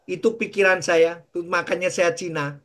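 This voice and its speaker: A male pastor preaches with fervor, often rising to exclamations. His voice sits high and sounds bright and forceful, and he moves between urgent declarations and relaxed storytelling. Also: moderate pace. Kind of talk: sermon.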